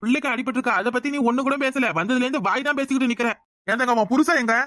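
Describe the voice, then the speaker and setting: Woman voicing a fast, reproving cartoon older brother with a Tirunelveli Tamil accent; dry sound. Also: high voice, a bit bright, no echo. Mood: stern. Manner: stern, reproving. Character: stern older brother, head of family.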